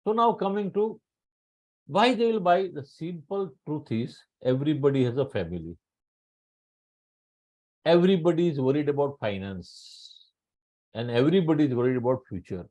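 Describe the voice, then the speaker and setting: A middle-aged man with an Indian accent giving a training talk on tax law, speaking slowly and emphatically, repeating key points and mixing Hindi with English. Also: a little high, expressive, darkish tone. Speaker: insurance trainer.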